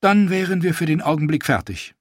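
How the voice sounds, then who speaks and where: A proud, commanding young queen, put on by a man reading aloud. The voice sits higher than the reader's own and stays regal and measured throughout, like a storybook ruler holding court. It is recorded dry and close. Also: very animated, no room sound. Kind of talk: audiobook reading.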